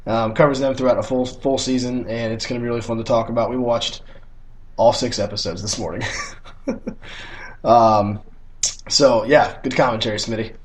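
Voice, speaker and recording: A man's voice: mid-range voice, steady tone, normal speed, long pauses, a little hiss or hum. A young man hosting a casual sports podcast, blunt and teasing, swearing freely as he talks. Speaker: podcast host.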